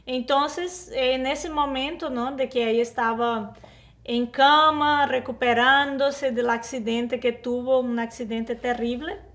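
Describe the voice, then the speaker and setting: Slow-speaking high-voiced woman teacher. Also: steady tone, a bit bright. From Brazil. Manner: patient, explains slowly with frequent tag questions. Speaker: Spanish teacher. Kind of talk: online language lesson.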